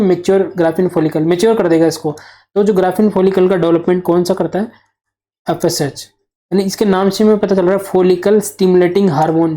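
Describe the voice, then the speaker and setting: Mellow-voiced tutor quizzing and answering himself. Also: male voice, high voice. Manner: poses questions and answers them himself, repeats key terms. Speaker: nursing exam tutor. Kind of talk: explanatory whiteboard lecture.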